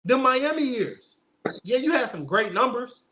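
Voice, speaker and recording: A man with a high-pitched voice talks sports in a casual, opinionated way. He is emphatic and insistent, repeating phrases to drive them home. There is clear noise behind him. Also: very animated, unhurried, pushed and bright. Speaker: host of a basketball debate show.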